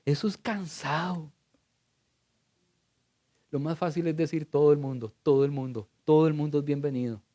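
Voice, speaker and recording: A middle-aged male pastor, preaching a sermon in a church. He tells stories in a conversational way and swings between loud and hushed. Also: on the high side, steady tone, fast, hardly any pauses.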